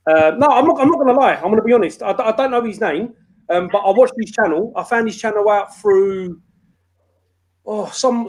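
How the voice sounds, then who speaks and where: A man's voice: sits high, a little mellow, poor audio. A man hosting a casual livestream in a matey, rambling, sweary way. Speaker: livestream host.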